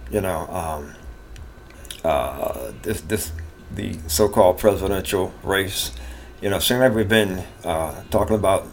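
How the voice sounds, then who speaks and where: A man's voice: sits low, unhurried. Middle-aged American man rambling unscripted, noisy background. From United States. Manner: rambling, repeats himself, folksy slang. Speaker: vlog host. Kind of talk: natural unscripted talk, casual monologue. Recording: clearly noisy background ambience.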